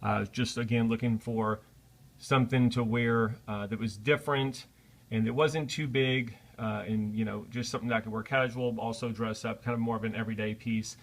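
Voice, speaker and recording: A man's voice: mid-range voice, fairly even intonation, normal speed. A man presenting a casual unboxing vlog, talking in a friendly, apologetic way with frequent "uh" fillers. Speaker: product reviewer.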